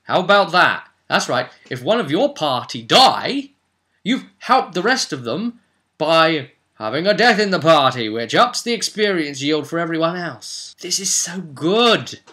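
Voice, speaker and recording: The host of a tabletop role-play tutorial series explains things in an informal monologue, reading out rules in an emphatic, opinionated, conversational way. His voice is on the high side, bright and forceful, very animated, at a measured pace.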